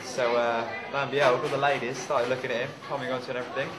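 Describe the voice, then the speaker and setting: A man telling a joke haltingly, with many ums and uhs. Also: medium pitch, little pitch movement. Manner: halting, fillers. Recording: echoey room with crowd.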